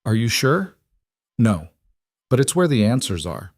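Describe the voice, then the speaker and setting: A man voicing a steady, fierce young woman who speaks firmly and directly in a spoken story. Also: medium pitch, unhurried, dry recording, clean studio sound. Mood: resolute. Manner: firm and direct.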